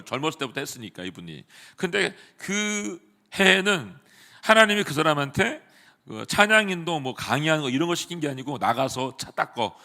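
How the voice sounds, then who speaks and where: A man preaching a sermon as pastor in a church, animated, acting out inner dialogue with sudden swings from soft to loud. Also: mid-range voice. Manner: lively preaching, acts out inner dialogue with quick shifts in loudness. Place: church sanctuary.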